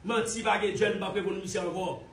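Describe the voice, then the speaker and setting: A man from Haiti delivers a heated, scornful online commentary, mocking his target and hammering the same points over and over. His voice sits high. It comes through a roomy, echoey space with him set back from the microphone. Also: fairly even intonation, a little fast, a bit bright, a little hiss or hum. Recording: roomy echo, distant from mic.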